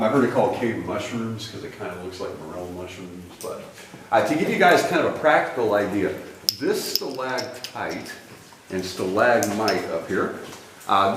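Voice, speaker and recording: A man with a lowish, very animated voice leads an informal cave tour as the guide. He talks in a folksy, joking way to his group. The sound echoes heavily around the cave, with clear background noise. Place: inside a cave. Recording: echoing cave, far mic, noisy.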